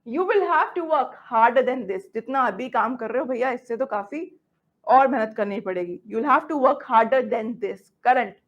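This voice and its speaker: High-voiced Indian English teacher, slow. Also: female voice, lively intonation, muffled recording. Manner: switches between Hindi and English, checks understanding often. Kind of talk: classroom grammar lesson.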